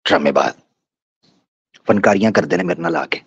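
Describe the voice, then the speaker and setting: A man's voice: fairly low pitch, huge pitch swings, normal speed, creaky, husky, no echo. A man hosting a live-stream debate, ranting in a taunting, mocking and crude way. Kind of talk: combative live-stream rant. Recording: dull lo-fi stream audio.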